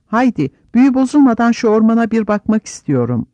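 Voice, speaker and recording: A man's voice: very high-pitched, big pitch swings, a little fast, dark tone, no echo, voice pushed up. A man voicing a cheerful, graceful male elf archer in an audiobook. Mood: eager.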